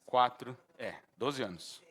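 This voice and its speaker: A man with a Brazilian Portuguese accent preaching a sermon as pastor, breaking into animated outbursts and acted-out shouts. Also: mid-range voice, takes it slowly.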